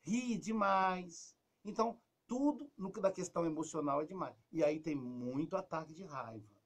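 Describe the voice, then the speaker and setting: Brazilian guy w a high voice chatting advice on a talk show, animated, acts out little scenes. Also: a little fast, breathy edge. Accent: Brazilian Portuguese. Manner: lively, acts out quoted lines, drops to a soft low voice.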